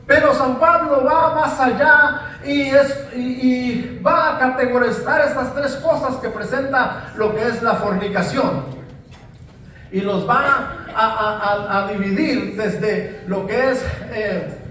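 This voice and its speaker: A man's voice: very high-pitched, slow pace, sharp tone, a little hiss or hum. A man preaching a sermon, emphatic, often repeating words and saying amen. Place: church hall. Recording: very echoey church hall, mic at a distance.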